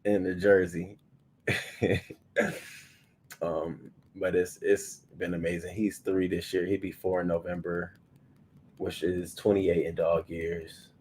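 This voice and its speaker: A man in his thirties hosting a livestream morning show, chatting loosely with profanity and sudden loud bursts into a webcam mic. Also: low voice, slow pace, pauses often, a little hiss or hum. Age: 30s. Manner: loose, profane and animated, often bursting louder. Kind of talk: casual livestream chat.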